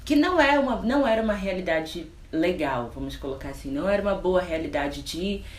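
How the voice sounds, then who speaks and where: A woman's voice: fairly low pitch, expressive, fairly quick, echoey room. A Brazilian woman, a nurse hosting the interview, explains her views earnestly and addresses her audience directly. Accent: Brazilian Portuguese. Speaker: nurse and host.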